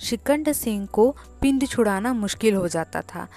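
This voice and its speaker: A woman narrating a classic short story as a storyteller, with a measured, deliberate reading. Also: medium pitch, animated, dark tone, faint music behind.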